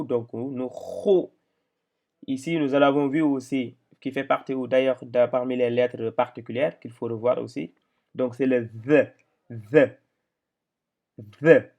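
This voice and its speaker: A man teaching Quran reading in a patient, step-by-step lesson, sounding out syllables one by one with frequent pauses and hesitations. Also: medium pitch, darkish tone. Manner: patient, repeats syllables aloud slowly with many hesitations.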